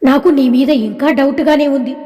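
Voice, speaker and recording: A woman's voice: high voice, normal speed, dark tone, lo-fi sound, close to an everyday voice. A woman voicing a sassy young college girl. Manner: sassy, mock-angry, playful. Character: young college woman, playful and pretend-stubborn. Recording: long hall reverb.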